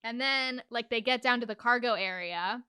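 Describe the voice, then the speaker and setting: Bright, smooth-voiced woman for a curious podcast co-host, laughs a lot. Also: fairly high pitch, moderate pace, no echo, clean studio sound. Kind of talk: casual recap chat.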